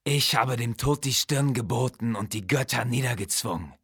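A man voicing an arrogant undead priest-king necromancer in an audiobook, slow and commanding with a hissing menace. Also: medium pitch, vocal fry, fairly bright tone, husky, no echo, studio quality, pitched above the performer's own voice. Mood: cold, commanding.

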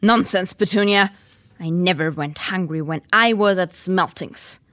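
A woman doing Uncle Vernon, a blustering, shouting uncle. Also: mid-range voice, sing-song, moderate pace, pitched above the performer's own voice. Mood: gruff. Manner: shouting, snarling. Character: blustering bullying middle-aged uncle.

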